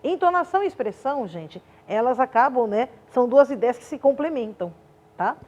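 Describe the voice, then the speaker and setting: A woman arts teacher giving a remote class, talking in a lively, demonstrative way. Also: high voice, normal speed.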